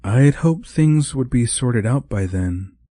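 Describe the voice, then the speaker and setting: A man voicing a cheerful, playful young woman teacher in an audiobook, lifting his voice higher and teasing. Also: animated, takes it slowly, mellow, no echo, studio quality. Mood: lively. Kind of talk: audiobook character voice.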